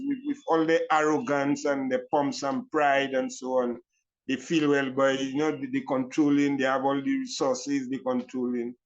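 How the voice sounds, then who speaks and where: Older Caribbean man, Rastafari reasoning, dull recording. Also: fairly high pitch. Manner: Rastafari elder's reasoning speech, deliberate phrasing with repetitions and "you know". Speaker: Rastafari elder. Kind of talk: reflective reasoning talk.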